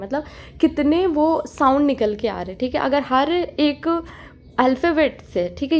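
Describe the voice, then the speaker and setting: A young woman tutor explaining a lesson in Hindi, mixing in English terms and often checking in with a quick "okay". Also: high voice, darkish tone. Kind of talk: explanatory exam-prep lesson.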